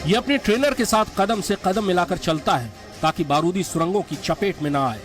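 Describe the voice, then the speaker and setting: A man's voice: high-pitched, animated, moderate pace. A man reading scripted documentary narration as the narrator. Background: music.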